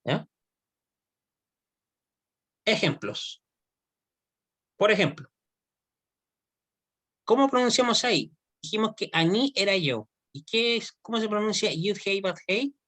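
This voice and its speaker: A male teacher giving an online Hebrew lesson. He explains slowly and keeps checking that students follow. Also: high-pitched, expressive, fairly bright tone. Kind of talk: online class lecture.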